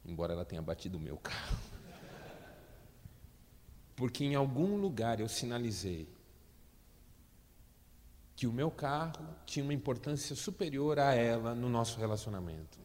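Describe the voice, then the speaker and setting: A man's voice: mid-range voice, moderate pace, long pauses, big-room sound, a little hiss or hum. A man with a Brazilian Portuguese accent, a motivational speaker telling stories to an audience with joking asides. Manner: lively storyteller with joking asides. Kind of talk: storytelling talk to an audience.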